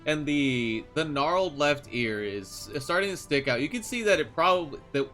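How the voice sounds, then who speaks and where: A man's voice: fairly high pitch, animated, moderate pace, fairly bright tone, faint music behind. A man narrating a tabletop game as game master, describing scenes in detail.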